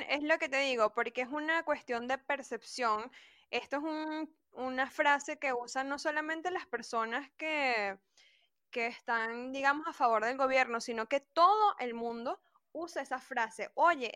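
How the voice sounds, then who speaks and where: A woman from Venezuela leads the interview, restating what she hears to check it. Her voice is high and bright, recorded dry and close with little room sound. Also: unhurried, clear, resonant tone, no echo. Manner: affirming, restates points to check them. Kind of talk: interview questioning.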